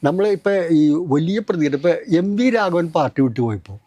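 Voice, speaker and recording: Measured explaining man, dry close sound. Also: fairly high pitch, big pitch swings, warm tone, no room sound, lo-fi sound. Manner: measured and explanatory, with long recounting turns. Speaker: host of political discussion. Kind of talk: political analysis talk.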